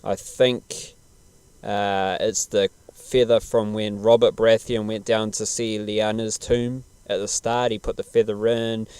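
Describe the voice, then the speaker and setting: A man's voice: lowish voice, little pitch movement, unhurried, a little mellow, clean tone. A man chatting casually as a podcast host, laid-back, slangy and rambling. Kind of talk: casual podcast chat about television.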